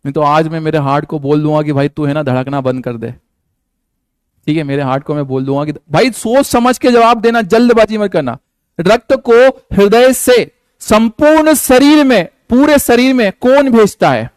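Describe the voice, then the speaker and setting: A male teacher runs a live online lesson, firing quick questions at his students and teasing them playfully. His voice sits a little high and comes through smooth and crisp, recorded close and dry with no room sound. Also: lively intonation, no room sound. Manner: coaxing, repetitive questions to students; playful, jokes with pupils. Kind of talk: live online class lecture.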